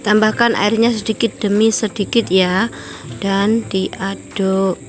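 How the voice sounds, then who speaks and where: A woman's voice: mid-range voice, steady tone, slow. A woman hosting a home cooking tutorial in her kitchen, chatting to viewers as friends and explaining each step. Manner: apologetic, explanatory asides. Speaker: home cooking channel host. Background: distant loud music from a rehearsal.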